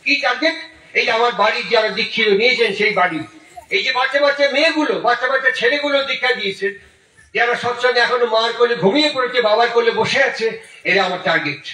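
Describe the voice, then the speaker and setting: Impassioned high-pitched male preacher, echoey hall. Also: quick pace, pushed and bright. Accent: Bengali. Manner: impassioned, repetitive, storytelling. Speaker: satsang speaker. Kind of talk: devotional sermon. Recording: echoey hall, distant mic.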